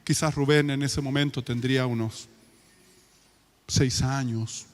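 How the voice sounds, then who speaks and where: Chilean pastor preaching in an echoing hall. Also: male voice, medium pitch, steady tone, unhurried. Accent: Chilean Spanish. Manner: storytelling, rising to impassioned pleading. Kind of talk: sermon. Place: church. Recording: reverberant church hall with music.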